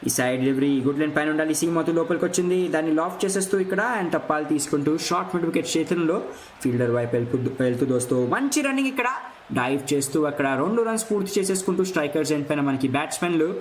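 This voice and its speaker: A man with an Indian accent giving excited live play-by-play cricket commentary, switching between Telugu and English phrases. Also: fairly high pitch, very fast. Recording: roomy echo, clear background noise.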